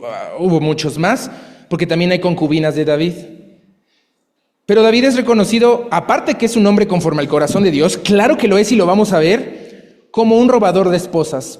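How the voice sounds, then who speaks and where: A man preaching a sermon in a lively, chatty way, with asides and acted quotes. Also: high voice, big-room sound. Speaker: pastor.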